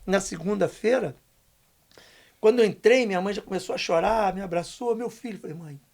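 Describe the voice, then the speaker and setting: An older man tells his story as a podcast guest in a gravelly voice. He speaks emphatically and uses a lot of slang. When he quotes others, his voice sinks to a hush. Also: sits high, moderate pace. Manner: emphatic, slangy, dips to a hushed voice for quoted lines. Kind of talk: storytelling testimony.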